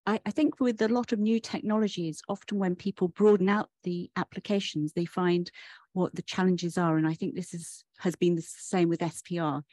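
A soft-spoken woman asking an unscripted question at a scientific conference in a quiet, gentle way. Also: on the low side, fairly even intonation, normal speed.

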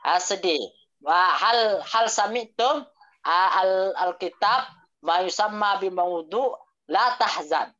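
A male teacher leads an online Arabic class, speaking slowly and deliberately. He drills word forms and echoes each student's answer back with corrections. The video call audio is dull and lo-fi. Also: high voice, bright, forceful tone. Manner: mixes Arabic phrases into Indonesian explanations.

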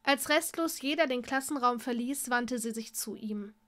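A woman reading fan fiction aloud in a steady storytelling voice. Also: fairly high pitch, normal speed. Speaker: story reader.

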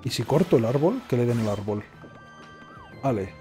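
A man's voice: mid-range voice, animated, moderate pace, dark tone. A man giving casual let's play commentary, sarcastic and rambling, often muttering to himself. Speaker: gaming streamer. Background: faint game music.

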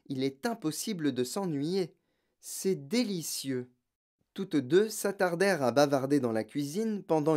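An audiobook narrator reading a children's novel in an expressive storytelling manner. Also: medium pitch.

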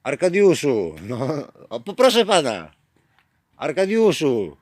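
A man films outside a police station at night and teases an officer with a theatrical, mocking tone. His voice sits a bit high and swings widely as he calls out and jokes. He talks loudly enough to be heard through a door. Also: animated, dry recording. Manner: teasing, theatrical, calls out names in drawn-out shouts. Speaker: vlogger filming a police station visit. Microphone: handheld camera.

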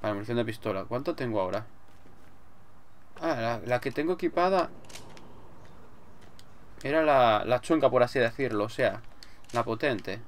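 A man's voice: medium pitch, expressive, normal speed, long pauses, a little hiss or hum. A man with an accent from Spain giving casual, sweary gameplay commentary, muttering to himself as he plays. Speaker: gamer, let's player. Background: game music.

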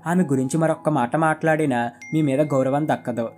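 A man's voice: on the high side, fairly even intonation, fairly quick, darkish tone, close to an everyday voice. Casting note: a loyal village man, deferential yet preachy, voiced by a male storyteller; faint guitar plays underneath. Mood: indignant. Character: humble village newspaper reader, outspoken and loyal.

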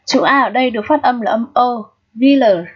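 A woman with a Vietnamese accent walks through an English exam like a patient teacher, stopping often to check that her students follow. Her voice sits a little high with a breathy, husky edge. The recording sounds dull and lo-fi. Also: fast. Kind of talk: explaining an exam, step by step. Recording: dull lo-fi audio.

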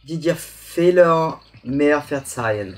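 Slow and expressive, with a voice on the high side, this man from France is in his thirties and talks in German with a French accent. As a guest expert in a bright office room with plants, he patiently explains during an interview chat, hesitating often and using many fillers.

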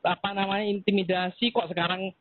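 A man's voice: high-pitched, little pitch movement, fast, dry recording. A man arguing on a phone call with a debt collector, mocking and lecturing her. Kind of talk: recorded phone argument. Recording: tinny phone line.

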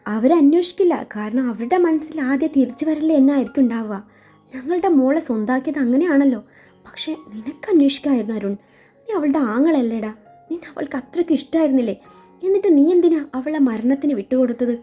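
A woman's voice: high-pitched, expressive, fairly quick, dark tone. Woman doing a grieving young husband. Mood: anguished. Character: grieving young man searching for his wife. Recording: dull lo-fi with faint music.

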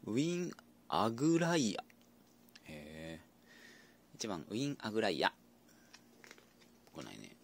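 A man chats to his pet dogs at home in a playful, coaxing way. His pitch swings widely up and down as he talks. A faint hiss of noise sits behind him. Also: wildly swooping pitch, takes it slowly, gravelly, long pauses. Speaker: vlogger predicting a horse race with his dogs. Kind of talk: casual chat to pets.

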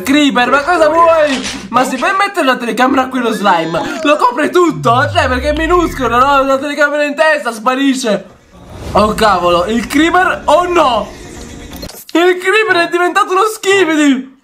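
A young man doing excited reaction commentary on a video as a YouTuber, often shouting and laughing. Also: extremely high pitch. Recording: background music under the voice. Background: background music.

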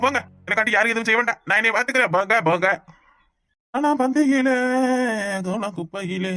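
Cartoon: man doing a resentful drunk village son, fast rant, Kanyakumari Tamil accent. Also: sits high, bright, forceful tone, dry recording, studio quality. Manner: complaining, self-pitying rant. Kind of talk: cartoon voice acting.

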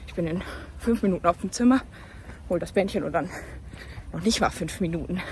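A young woman chatting on camera in a bubbly, excitable way while out on the street. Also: fairly low pitch, fairly quick, slight background noise. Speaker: vlogger. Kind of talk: casual chat on camera.

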